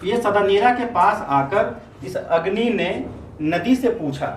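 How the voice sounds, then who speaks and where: Male teacher, high voice, classroom lecture, keeps checking the class follows, recorded from a distance. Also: animated. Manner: keeps checking understanding with quick questions; repeats key terms for emphasis. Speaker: history teacher. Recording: echoey room, mic at a distance, faint noise.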